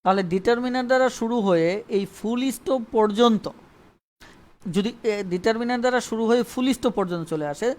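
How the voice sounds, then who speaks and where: A man's voice: very high voice, moderate pace, darkish tone. Man teaching English grammar live. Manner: repetitive, keeps checking understanding. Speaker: English tutor. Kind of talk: live online grammar lesson.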